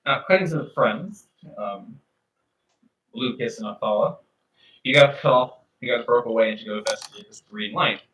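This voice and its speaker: Bright-voiced man running a tabletop game. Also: mid-range voice, animated. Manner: halting, full of restarts and fillers. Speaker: game master. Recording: echoey room, mic far off.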